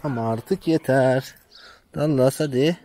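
A man's voice: mid-range voice, unhurried, dark tone. A man from Turkey vlogging outdoors on his village farm, chatting casually to viewers and talking fondly to his animals. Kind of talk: casual vlog narration.

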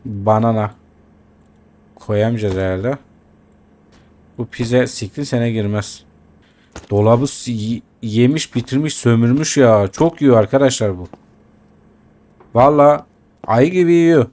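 A man's voice: medium pitch, measured pace, long pauses, darkish tone. Guy doing casual lets-play commentary, talks to his viewers, keeps grumbling and cussing at the game. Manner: chatty, addresses viewers, grumbles and swears at the game. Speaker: gaming YouTuber.

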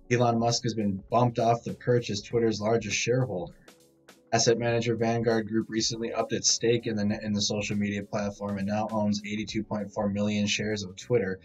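A man's voice: lowish voice, a little mellow, slightly rough. A man with a tinny, tin-can laptop-mic voice. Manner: reads headlines, stumbles and restarts words. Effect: tinny, tin-can sounding laptop mic. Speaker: live-stream news host. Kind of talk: casual news rundown. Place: hotel room. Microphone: laptop microphone.

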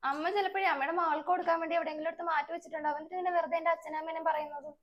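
A woman's voice: extremely high pitch, steady tone, very fast, dull audio. A woman voicing an indignant, sarcastic young wife in a comedic family skit. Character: young wife, fed-up, sharp-tongued.

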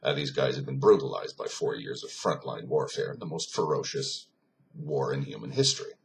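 A man's voice: very deep voice, animated, moderate pace, creaky, slight background noise. A man giving an informal philosophy talk, telling a story with emphasis, many fillers and a rambling flow.

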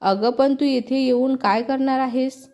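A mischievous young sister who picks fights and teases everyone around her, as a woman reading a storybook voices her. Her voice is high and soft-toned. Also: fairly even intonation, a little slow. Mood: bickering. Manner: quarrelsome teasing.

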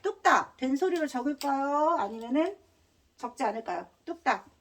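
Between points, this woman slips in casual slang while she teaches Korean, quizzing her students again and again with quick questions. Her voice is high, animated, and swooping, and the mic seems a bit far from her.

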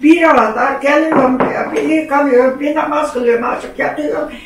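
A woman's voice: high voice, fairly even intonation, normal speed, background noise. An older woman, rambling homespun stories in casual family chat. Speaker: mother-in-law. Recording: echoey room, distant mic, voices around.

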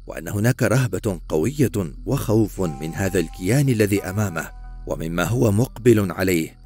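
A man's voice: deep voice, a little mellow, slightly rough. A man narrating a scripted horror story in a dramatic voice-over, speaking directly to the viewer.

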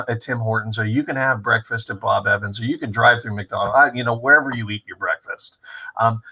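Middle aged guy rambling like a professor, husky but bright voice, thinking out loud on a webcam talk. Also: medium pitch, low-quality recording. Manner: rambling, reflective, digressive professorial delivery. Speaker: theater director giving a talk. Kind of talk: informal online lecture, musing aloud. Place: small room with brick wall and window, indoors.

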